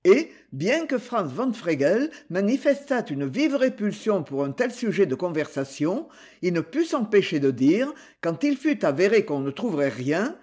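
A narrator reading a novel aloud in a measured, expressive storytelling manner. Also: medium pitch. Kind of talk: audiobook narration.

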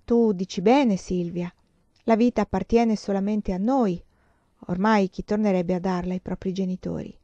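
Reflective young female student, storybook, measured, dull close recording, a woman reading. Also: mid-range voice, fairly even intonation, mellow, no room sound, close to an everyday voice.

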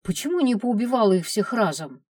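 A woman's voice: mid-range voice, very animated, a little fast, a little mellow, breathy edge, no echo, clean studio sound, voice pushed up. A woman voicing a puzzled young man asking questions at a campfire.

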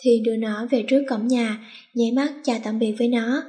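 Lady reading a story audiobook, playful brisk telling, highish voice. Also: fairly even intonation, mellow. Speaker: audiobook narrator. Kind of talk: storybook narration.

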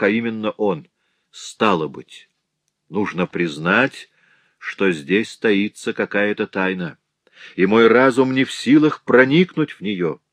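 A man's voice: lowish voice, no echo. A man voicing a prudish, fussy middle-aged porter who frets aloud and protests indignantly, in a storybook reading. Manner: indignant, fretful muttering to himself. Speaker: concierge.

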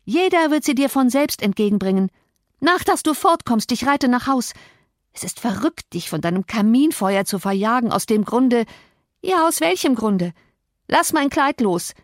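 A woman's voice: on the high side, a little mellow, dry recording, clean studio sound, voice pushed up, lightly acted. Woman putting on a fiery, scolding young woman. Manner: indignant, scolding. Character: proud, impatient young woman, sharp-tongued.

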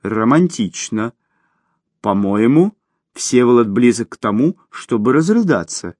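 A man voicing an invisible male dungeon spirit who speaks calmly and seriously with dry, dark humor. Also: medium pitch, measured pace, dry recording. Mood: mocking. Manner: calm, serious, dryly mocking.

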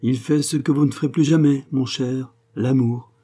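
A man's voice: medium pitch, expressive, normal speed, dark tone, husky, pitched above the performer's own voice. A man reading the part of a sardonic, teasing journalist who mocks his hosts. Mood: mocking. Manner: scornful, teasing. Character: mocking sardonic male journalist, middle-aged man.

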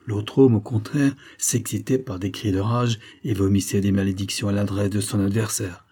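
A man narrating a novel as an audiobook with a steady, dramatic reading. His voice sits low and dark, with a slightly husky grain. The delivery is measured and even. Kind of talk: scripted narration.

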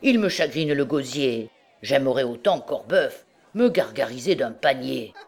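A woman's voice: extremely low pitch, lively intonation, unhurried, a little mellow, full character voice. A rowdy drunken young student, read by a woman. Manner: boisterous, exclaiming, laughing. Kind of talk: audiobook character reading.

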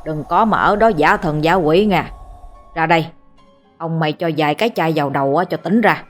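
A woman acting out a foul-mouthed drunk of a man from a spoken ghost story, rough and boastful, who stammers and repeats himself when cornered. His voice sits a touch lower than her own, over faint music. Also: moderate pace. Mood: blustering. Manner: crude, stammering when scared. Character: drunken middle-aged man, crude, blustering, cowardly.

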